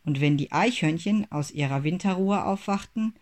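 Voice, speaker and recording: A narrator reading a children's Christmas story aloud in a measured, expressive way. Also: mid-range voice.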